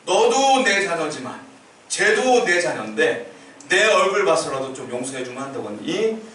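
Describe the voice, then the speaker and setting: A man's voice: on the high side, very animated, normal speed, fairly bright tone, a little hiss or hum. A male pastor voicing God as a coaxing heavenly father, heard in an echoey church hall from far off.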